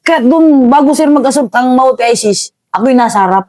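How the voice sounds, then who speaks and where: A man, an army veteran, recounting combat in a casual interview, halting and calling the host "sir" again and again. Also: very high voice, expressive, darkish tone, no echo.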